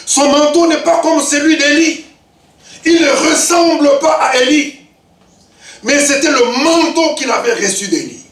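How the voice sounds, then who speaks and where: A man in his fifties preaches with a strikingly high voice and unhurried, deliberate delivery. He swings between ringing shouts and low asides, and the sound comes from a distance in an echoey church hall. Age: 50s. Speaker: pastor. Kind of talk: sermon.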